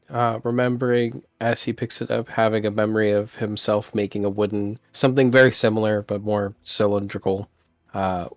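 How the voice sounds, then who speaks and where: A man playing a tabletop game, describing his character's actions in a hesitant way with many pauses. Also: lowish voice, darkish tone, no room sound. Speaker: player.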